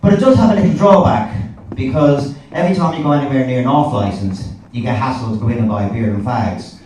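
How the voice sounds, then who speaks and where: Captured from afar in an echoey, noisy club, this Irish comic tells sweary, conversational stories during a live indoor gig. He speaks fast in a mid-range, slightly mellow voice.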